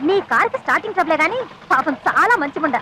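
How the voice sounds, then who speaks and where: A cheeky young sidekick who teases and flatters nonstop. Her voice is high and bright and the words tumble out quickly. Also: slight background noise, full character voice, low-quality recording. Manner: teasing and flattering, chatters. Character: cheeky, chattering young woman, lawyer's sidekick. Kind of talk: film comedy dialogue.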